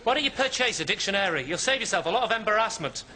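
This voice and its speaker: A man's voice: high voice, very animated, very fast. A man playing a polite speech therapist with odd emphasis. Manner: polite, stresses the wrong words. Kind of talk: sitcom sketch acting. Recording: very noisy sketch clip with laughter.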